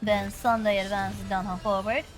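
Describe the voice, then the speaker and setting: A woman's voice: mid-range voice, little pitch movement, slow pace, over music. A woman giving casual commentary as she plays through a game.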